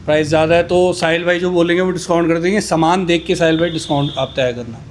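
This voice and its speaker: A man pitching used superbikes in a casual, boastful way, rattling off price countdowns. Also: fairly even intonation, fast talker, noisy background.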